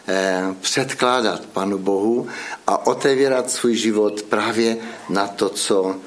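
A man preaching a sermon, often addressing his listeners as brothers and sisters, with hesitant restarts and a voice that climbs at emotional high points and sometimes breaks with feeling.

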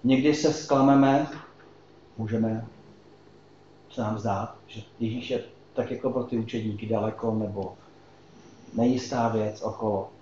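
A man's voice: on the low side, fairly even intonation, long pauses, warm tone, slight background noise. A man preaching a sermon in a conversational way, asking the congregation questions. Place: church hall. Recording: echoey hall, slightly dull sound.

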